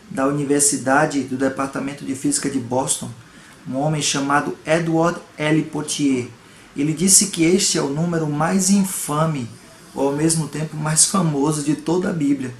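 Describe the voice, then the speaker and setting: A man's voice: on the high side, unhurried. A man from Salvador, Brazil, preaching a home video sermon with earnest emphasis and rhetorical questions. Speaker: pastor. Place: home room. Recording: echoey room, faint background noise.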